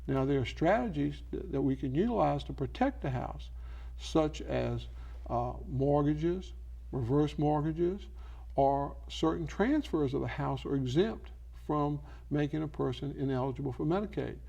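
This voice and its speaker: With lively intonation and a warm, creaky voice on the high side, an elder law expert speaks a little slowly in an infomercial interview, heard through a muffled recording. He lays out his advice by raising questions and answering them himself.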